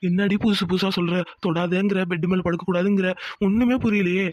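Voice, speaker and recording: A man's voice: high-pitched, steady tone, fairly quick, no room sound, dull audio, natural voice. A man voicing a worried young village husband in a cartoon who keeps asking questions and pressing for answers. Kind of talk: cartoon voice acting.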